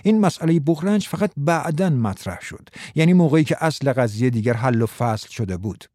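Man narrating in a dark, mellow voice. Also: mid-range voice, no room sound, studio quality. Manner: measured, even storytelling. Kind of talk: scripted narration.

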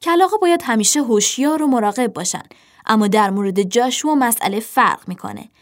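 A woman's voice: medium pitch, natural voice. A woman voicing a bossy, self-satisfied young male crow who leads his siblings, speaking in a commanding tone. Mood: scornful. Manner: commanding, smug.

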